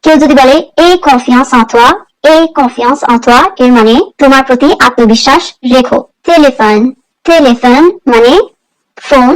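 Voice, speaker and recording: Slow, high-voiced woman teaching vocabulary. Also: poor audio. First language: Bengali. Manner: slow, deliberate word-by-word explanation. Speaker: language teacher. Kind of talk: vocabulary lesson.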